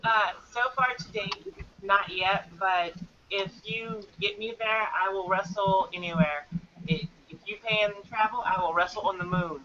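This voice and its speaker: Bright, upbeat woman on a lo-fi call. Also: medium pitch, fairly even intonation, normal speed, a little hiss or hum. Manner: upbeat, laughs easily. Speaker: guest wrestler. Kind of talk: casual podcast interview.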